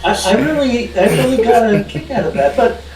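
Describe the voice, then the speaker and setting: A man's voice: extremely high pitch, expressive, distant mic, over a noisy crowd. Dry-humored man guest, roomy echo. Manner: dry humor, measured, hesitant "uh"s. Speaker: guest, communication expert. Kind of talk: casual group chat on a video call.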